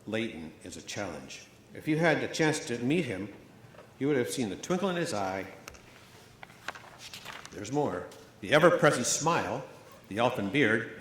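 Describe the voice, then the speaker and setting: An older man giving a measured, storytelling award speech at a graduation ceremony, partly read aloud. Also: medium pitch, slight background noise. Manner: measured, storytelling delivery with fillers. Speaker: award presenter. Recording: echoey hall, faint ambience.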